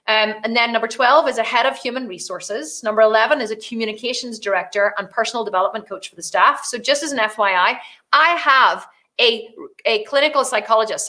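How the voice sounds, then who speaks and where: Bright high-voiced energetic woman coach. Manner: energetic, swears freely, acts out dialogue. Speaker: business coach. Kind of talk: casual motivational talk.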